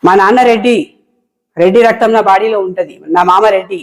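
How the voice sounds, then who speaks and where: Married woman with a Telangana accent, online commentator, angry and impassioned, rapid-fire delivery. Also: mid-range voice, rough recording. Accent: Telangana Telugu. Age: adult, married. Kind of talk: heated monologue to camera.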